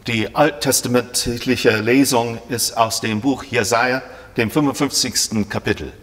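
A middle-aged man serving as lay reader, reading scripture aloud in a steady, even way. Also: medium pitch, measured pace. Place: church, in front of a brick wall. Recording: long reverb in a church.

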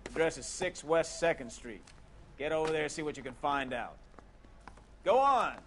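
A middle-aged American police captain in a 1940s crime game. The voice is forceful and fairly high, brisk and used to command. There is slight noise behind it. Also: male voice, animated. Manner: brisk, authoritative. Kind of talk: period crime game acting.

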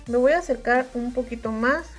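A woman with a Mexican Spanish accent giving a calm, step-by-step makeup tutorial as she reviews an eyeshadow palette. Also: fairly high pitch, fairly quick, faint music behind.

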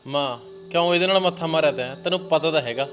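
A man's voice: on the high side, fast, fairly bright tone, soft background music, natural voice. An actor playing a blunt brother who mocks his sibling. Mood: mocking. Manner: mocking, blunt. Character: mocking older brother teasing his sibling.

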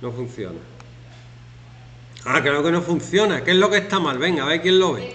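Chatty teacher in an echoey classroom. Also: male voice, a little high, moderate pace. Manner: chatty, joking, lively, acts out shouting examples. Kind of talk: classroom talk to students. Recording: echoey classroom, faint background noise.

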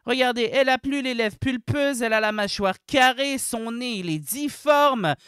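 Québécois accent, comedic rant, slangy, over-the-top, smooth clear voice, close dry sound. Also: mid-range voice, moderate pace, no room sound. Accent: Québécois French. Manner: exaggerated, ranting, slangy, swings between mock sweetness and outrage; keeps addressing viewers as ladies and gentlemen. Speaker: gaming commentator. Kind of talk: comedic video commentary.

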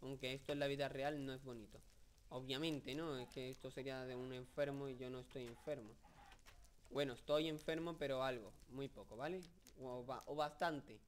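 A young man with a Spain Spanish accent giving casual, rambling video game commentary, joking and excitable, with many fillers. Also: medium pitch, clean tone. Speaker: gameplay commentator.

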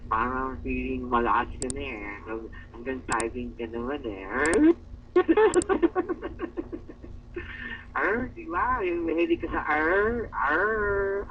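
With a mid-range voice, a man from the Philippines trades mocking banter with coworkers, laughing frequently and growling "arr" again and again to taunt them. It was recorded indoors from a distance, sounding dull and lo-fi, with slight background noise.

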